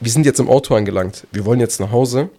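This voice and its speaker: A young man telling a wild holiday story in casual chat, acting out shouts and quotes. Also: mid-range voice, fast talker. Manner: animated, acts out shouts and quotes. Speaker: podcast co-host.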